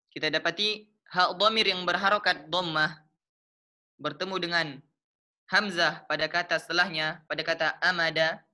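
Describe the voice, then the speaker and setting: A man with a Malaysian accent teaching the rules of Quran recitation, explaining slowly and patiently, repeating each term and chanting the example verses. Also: high voice, pushed and bright, clean tone. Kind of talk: explaining tajwid rules step by step.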